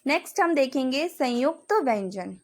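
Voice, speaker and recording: A woman's voice: sits high, animated, a little mellow. A young adult woman teaching a grammar lesson, explaining step by step, sounding out letters and checking in with the class often. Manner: explains slowly, demonstrates sounds, repeats "ठीक है" often.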